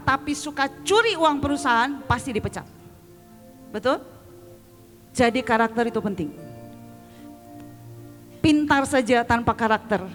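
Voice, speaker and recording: High-voiced woman preaching in an echoing hall. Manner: lively, addresses congregation as "saudara", asks for amens. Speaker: evangelist preacher. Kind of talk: sermon. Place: church hall before a congregation.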